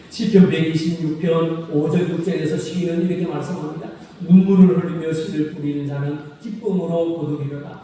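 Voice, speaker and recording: Dark-voiced pastor in an echoey church. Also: male voice, a little high. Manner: asks the congregation questions and repeats key phrases; slow, solemn scripture reading. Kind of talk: sermon. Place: church sanctuary. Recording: echoey hall reverb from a distant mic, faint noise.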